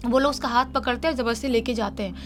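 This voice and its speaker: A woman with a slightly high voice speaks fast as she casually narrates a horror story, acting out the characters' dialogue, with faint music in the background.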